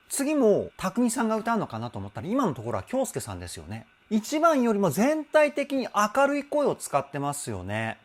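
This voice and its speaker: A man working as a vocal coach, giving an enthusiastic, explanatory analysis of a song. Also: fairly high pitch. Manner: enthusiastic, explanatory, breaks into sung demonstrations. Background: faint song playing.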